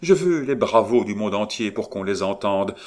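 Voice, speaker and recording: A man's voice: low voice, lively intonation, takes it slowly, heavily acted. A man doing a lofty, disdainful young poet. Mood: grandiose. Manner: grand, declaiming delivery.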